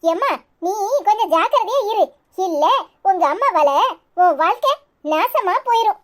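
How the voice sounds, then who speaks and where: A woman voicing a proud, sharp-tongued groom's mother in a cartoon, with a Tirunelveli accent, scolding the other family. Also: very high voice, animated, moderate pace. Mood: scornful. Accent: Tirunelveli Tamil. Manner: scolding, indignant.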